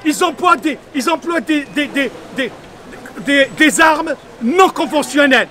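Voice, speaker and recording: A man's voice: very high voice, measured pace, bright, forceful tone, a little hiss or hum. A man at an outdoor street protest, angry and insistent, stumbling over his words with many hesitations and repetitions. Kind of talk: street interview.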